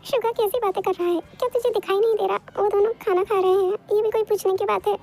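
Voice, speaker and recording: A woman's voice: very high-pitched, fairly even intonation, quick pace, vocal fry, darkish tone, soft background music. A woman voicing a stern older sister in a Hindi fan dub, snapping out scolding retorts.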